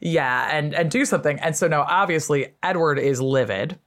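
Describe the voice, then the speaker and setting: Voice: mid-range voice, moderate pace, fairly bright tone. A guest historian telling history in a casual, chatty way, full of fillers and acted-out quotes.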